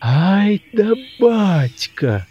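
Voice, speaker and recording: A man's voice: a little high, lively intonation, slow pace, highs cut off. Man doing a hot-headed young village lad, jeering, drawn out, storybook. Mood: mocking angry.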